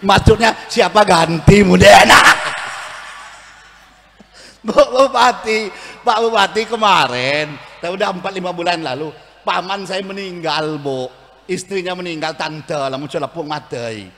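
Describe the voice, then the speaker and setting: A middle-aged man, preaching a humorous religious sermon with shouts for emphasis and acted-out quotes. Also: sits high, moderate pace, big-room sound.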